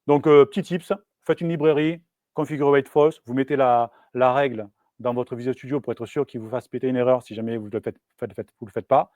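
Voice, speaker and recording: A man giving a live software talk at a meetup, casual and hesitant, with many fillers and restarts. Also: medium pitch, steady tone, brisk, no echo, dull audio. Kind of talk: live technical presentation. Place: meetup room.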